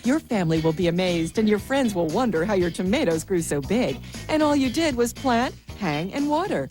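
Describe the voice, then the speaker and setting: A woman announcer giving an enthusiastic, urging infomercial sales pitch. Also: very animated, normal speed, darkish tone. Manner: enthusiastic, urging hard sell. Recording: music bed behind the voice.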